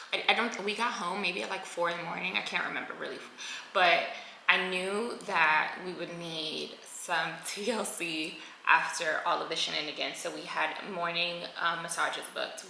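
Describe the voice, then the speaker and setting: A woman in her twenties narrates a casual travel vlog, chatty and slangy, talking to viewers like friends and calling them girl and honey. Her voice is on the low side, sharp, with vocal fry. The recording has a roomy echo and faint noise.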